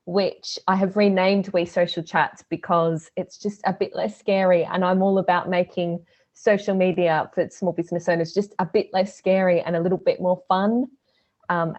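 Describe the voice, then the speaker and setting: An Australian woman with a fairly low voice, heard through dull audio, chats as a guest on a casual podcast interview. She runs a social media business and talks with frequent fillers and laughter.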